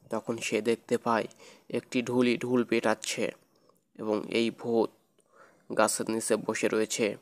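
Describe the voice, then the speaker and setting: Gravelly man narrating a kids' cartoon story. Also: mid-range voice. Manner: plain, repetitive storytelling.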